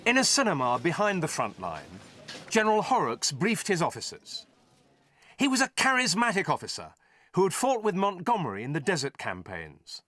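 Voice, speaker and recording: Lively, higher-voiced documentary narrator. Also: male voice, moderate pace, no echo. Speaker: documentary presenter.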